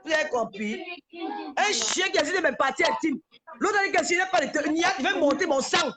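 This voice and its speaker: Heated woman ranting at high pitch. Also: expressive, fairly quick, a crowd in the background. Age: 40s. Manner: confrontational, insulting, heated. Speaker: social media personality. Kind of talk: live-stream rant.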